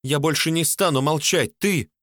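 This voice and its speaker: A man's voice: normal speed, fairly bright tone, no room sound, studio quality, close to an everyday voice. A man voicing a tearful, hysterical young woman who sobs and screams. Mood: screaming angrily. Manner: sobbing, shrill screaming.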